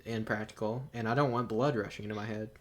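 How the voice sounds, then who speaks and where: A man's voice: on the low side, steady tone, fast, crowd noise. A man in a casual movie chat, laid-back, swearing casually and laughing often.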